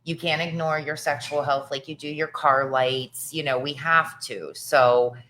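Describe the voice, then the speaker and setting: Very low-voiced woman, bright and earnest. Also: fairly even intonation, slight background noise, poor audio. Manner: earnest, halting, many "um"s. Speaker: podcast host. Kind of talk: podcast discussion.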